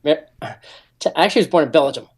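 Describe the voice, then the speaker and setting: An American security consultant in his forties earnestly recounts his background in a radio interview, using frequent ums. He speaks quickly with lively intonation and a husky, fairly high-pitched voice.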